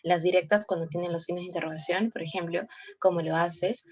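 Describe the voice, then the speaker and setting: A woman's voice: lowish voice, steady tone, brisk, darkish tone. A woman explaining grammar in a class, often checking with "¿no?" and correcting herself. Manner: frequent tag "¿no?" and self-corrections. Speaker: teacher. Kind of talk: explaining sentence types in a class.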